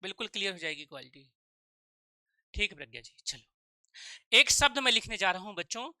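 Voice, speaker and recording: A man teaching a live online exam-prep class. He keeps asking "okay?" to check that his students follow, calls them "children," and drills sounds slowly one at a time. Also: high-pitched, big pitch swings, bright, forceful tone, no echo, studio quality. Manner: calls students 'children' and 'dear'.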